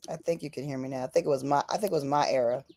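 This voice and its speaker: A woman's voice: a bass voice, fairly even intonation, very fast, dark tone, dry recording. A woman hosting a livestream, talking casually and fervently, repeating phrases for emphasis and calling out to "y'all". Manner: casual, many fillers, says "y'all". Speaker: livestream host. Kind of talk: impassioned livestream talk.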